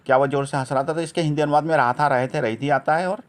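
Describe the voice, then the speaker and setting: A man with an Indian English accent, a native Hindi speaker, teaching English grammar. He dictates English examples slowly and gives quick translations, often correcting himself mid-sentence. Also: a little high, fairly even intonation. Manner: frequent self-corrections and restarts. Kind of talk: spoken grammar lesson.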